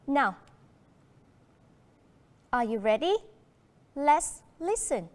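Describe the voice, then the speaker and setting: This high-pitched, animated teacher has a Vietnamese accent and alternates between Vietnamese and English while giving a primary school English class. She talks slowly and clearly, and the sound carries a long reverb tail.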